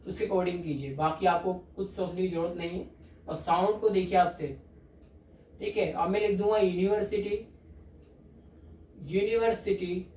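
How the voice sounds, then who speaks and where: A male grammar teacher explains slowly and patiently while writing on a board, repeating his points and checking that the class follows. He is recorded from across an echoey room, so his voice sounds distant and roomy. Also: high-pitched, a little mellow, a little hiss or hum.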